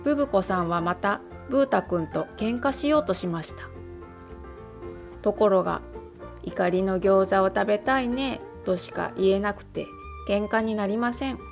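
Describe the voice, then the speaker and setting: A woman with a Kansai accent, reading a children's picture book aloud in a gentle, even storytelling manner. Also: medium pitch, moderate pace, gravelly, soft background music. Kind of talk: storybook narration.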